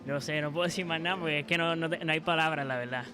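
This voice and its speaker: A young Puerto Rican man answering a reporter, pausing and restarting as he searches for words. His voice is slightly high, and guitar music is clearly audible behind him. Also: fairly even intonation. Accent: Puerto Rican Spanish. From Puerto Rico. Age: young adult. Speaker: guitar student. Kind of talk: interview answers.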